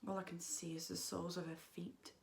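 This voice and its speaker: A woman's voice: lowish voice, level tone, brisk, gravelly, a little hiss or hum. An actress playing a chatty, self-absorbed young woman who has just left home, talking a theatrical monologue with dramatic swings. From England. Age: young adult. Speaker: actor in a monologue.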